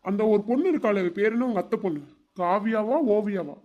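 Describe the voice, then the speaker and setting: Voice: medium pitch, fairly quick, mellow, close to an everyday voice. A voice actor playing an eager, loyal young village girl in a cartoon, confiding earnestly. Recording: dull lo-fi sound.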